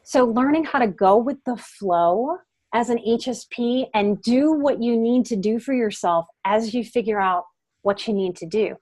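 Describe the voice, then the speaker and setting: A woman's voice: on the high side, normal speed, darkish tone. Earnest, emphatic woman therapist on a podcast. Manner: earnest and emphatic, voice swelling on key words. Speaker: guest psychotherapist and life coach. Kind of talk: podcast interview.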